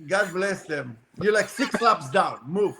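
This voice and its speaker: A man who races RC cars, telling rambling, animated stories in a casual podcast chat with many fillers. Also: high-pitched, a little slow, creaky, noisy background. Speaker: guest, RC car racer.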